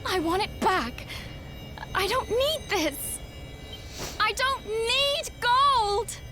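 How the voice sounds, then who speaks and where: A woman's voice: very high voice, expressive, extremely slow, full character voice. A woman voicing a fierce young woman in a video game, a thief's sister, speaking in a pleading, desperate way over game music.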